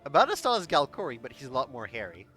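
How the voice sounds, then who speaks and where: A man's voice: mid-range voice, huge pitch swings, quick pace, sharp tone. A man narrating a tabletop game as game master, explaining things to the players. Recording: music under the voice.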